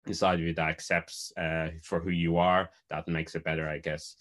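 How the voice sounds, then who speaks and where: A man from Cameroon speaks in a very deep voice that barely rises or falls. He talks reflectively and unhurriedly, with small hesitations on fillers. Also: flat delivery, moderate pace, a bit bright. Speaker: panel guest. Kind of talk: casual conversation.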